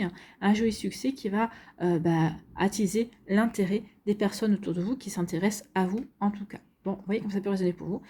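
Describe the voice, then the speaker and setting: A woman's voice: medium pitch, mellow. Chatty French-speaking woman reading tarot. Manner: chatty, many fillers and repeated "donc ici". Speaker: tarot card reader. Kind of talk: casual tarot reading to camera.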